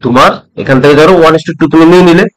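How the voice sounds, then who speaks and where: A middle-aged man from West Bengal teaching a trading method, talking slowly and repeating points, often checking that the listener follows. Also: fairly high pitch, rough recording. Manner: slow, repeats points, asks "ঠিক আছে?" often. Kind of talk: slow explanatory tutorial.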